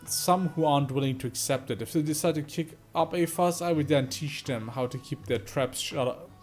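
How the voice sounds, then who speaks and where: A man voicing a cool, loyal male mercenary biker in a game, calm and tough. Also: on the high side, normal speed, soft background music, natural voice. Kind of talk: reading game dialogue aloud.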